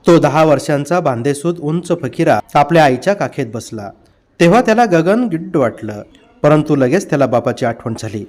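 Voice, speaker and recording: High-voiced man reading a novel. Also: animated, normal speed, darkish tone. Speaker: audiobook narrator.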